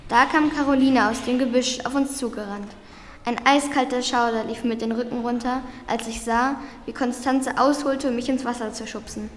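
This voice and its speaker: A woman's voice: fairly high pitch, fairly even intonation, moderate pace. A woman carefully reading a diary-style story aloud, with small slips. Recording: roomy recording with long reverb and faint background noise.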